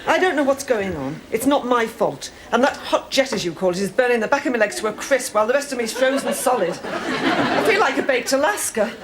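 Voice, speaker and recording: An actress playing a harried hospital manager, defensive and dry-humoured. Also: female voice, on the high side, lively intonation, brisk, a loud crowd, very noisy, close to an everyday voice. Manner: defensive, wry, dry jokes.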